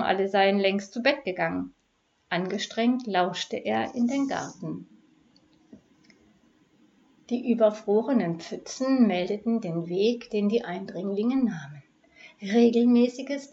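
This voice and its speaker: A woman reading a cozy crime story aloud in a measured, expressive storytelling manner. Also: mid-range voice, highs cut off. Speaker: narrator. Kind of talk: scripted narration of a crime story.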